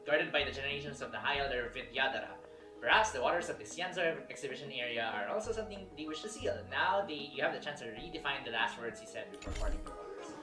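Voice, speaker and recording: Low-voiced woman streaming a game, laughing. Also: echoey room, far from the mic. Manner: playful, laughing, teasing asides. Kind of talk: casual game commentary.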